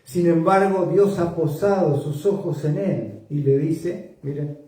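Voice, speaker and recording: Pastor man preaching slow, big swells on key words, far from the mic in a really echoey church. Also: dark tone. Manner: slow, emphatic preaching with sudden rises in pitch and volume. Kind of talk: sermon. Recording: echoey church hall, voice from a distance.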